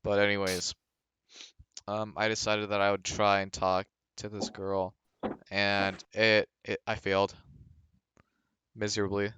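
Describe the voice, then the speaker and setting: A man's voice: fairly low pitch, completely flat delivery, unhurried, pauses often, sharp tone, smooth, no room sound. A young man co-hosting a casual podcast, rambling through jokey conspiracy theories and stories. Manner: rambling, joking conspiracy storyteller. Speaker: podcast co-host. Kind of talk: casual chat.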